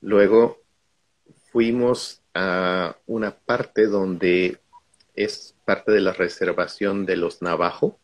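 A middle-aged man from Guatemala joins a video call as a guest speaker, reflectively telling stories from his own life. His voice sits low with fairly even intonation, and he takes it slowly.

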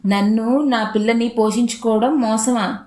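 A woman voicing a blunt older working-class man who lectures in rough colloquial speech, as part of a read-aloud story. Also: a little high, fairly even intonation, a little slow, darkish tone, reverberant, close to an everyday voice. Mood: scolding.

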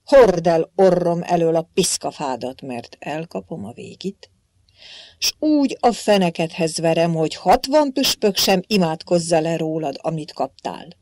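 A woman reading as a defiant, blustering old Hungarian warrior-king saint, speaking loudly in archaic phrases. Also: on the low side, big pitch swings, dry recording. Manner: loud, blustering, archaic speech.

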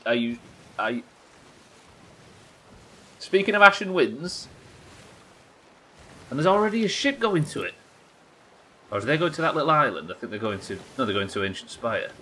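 Here a British man in his thirties streams a game live from a small room, his casual commentary full of swearing, tangents and questions to himself as he talks with viewers. His mid-range voice sounds pushed and bright. A bit of hiss or hum is audible.

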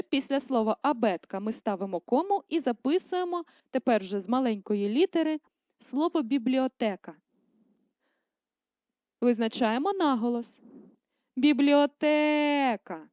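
A woman teacher giving a video lesson to first graders, speaking slowly and carefully and drawing out words to stress them. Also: a little high, warm tone, dry recording. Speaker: primary school teacher. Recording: dull lo-fi sound.

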